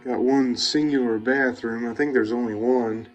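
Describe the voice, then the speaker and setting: A young man narrating a casual exploring vlog walk-through in an unhurried, musing, plain-spoken way. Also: medium pitch, steady tone, lo-fi sound. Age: 20s or younger.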